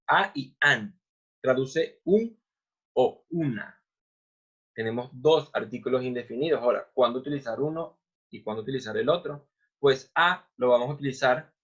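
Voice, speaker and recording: A man explaining grammar as an English teacher, who says example phrases slowly and then explains them step by step. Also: mid-range voice, lo-fi sound.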